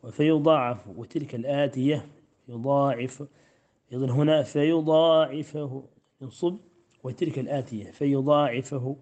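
A man teaching Quran recitation readings. He chants each verse slowly and repeats words to show how they are said, then gives brief, quick explanations. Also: medium pitch, fairly even intonation, a little mellow. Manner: repeats words to demonstrate pronunciation. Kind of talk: recitation lesson.

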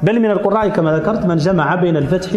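A man's voice: high-pitched, racing. A man giving a grammar lesson, explaining step by step and stopping to check that his listeners have understood. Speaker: teacher of Arabic grammar. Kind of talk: classroom lecture. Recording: echoey hall reverb.

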